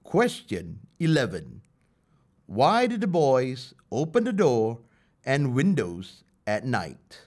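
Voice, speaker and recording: Man announcing test questions, slow, voice goes up and down a lot. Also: medium pitch, wildly swooping pitch, a little mellow. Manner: formal, measured announcing. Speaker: exam instructions reader. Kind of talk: scripted test instructions.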